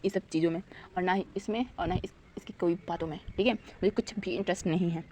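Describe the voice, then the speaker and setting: A woman's voice: on the low side, fairly even intonation, quick pace, warm tone, a little hiss or hum, close to an everyday voice. Give me a woman playing a cold, short-tempered young man, curt and threatening. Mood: cold dismissive. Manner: curt, clipped, menacing.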